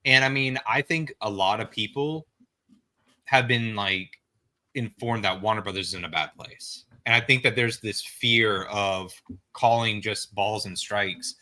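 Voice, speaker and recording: Bright-voiced man arguing a point. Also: fairly low pitch. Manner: fast, filler-heavy arguing, lots of "like". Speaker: podcast guest. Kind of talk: casual podcast chat.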